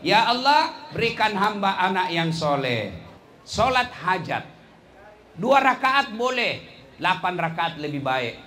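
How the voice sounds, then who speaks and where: Animated high-voiced male preacher. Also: measured pace. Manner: animated, acts out dialogue, swings between loud and soft. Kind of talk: sermon.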